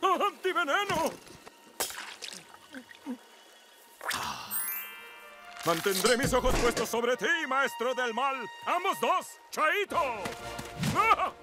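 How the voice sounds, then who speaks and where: A man's voice: very high voice, sing-song, measured pace, loud music behind the voice, exaggerated voice. A man voicing a burly, self-important cartoon adventurer in Latin American Spanish, declaiming in a pompous, theatrical way. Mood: heroic, accusing. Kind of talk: cartoon dub acting.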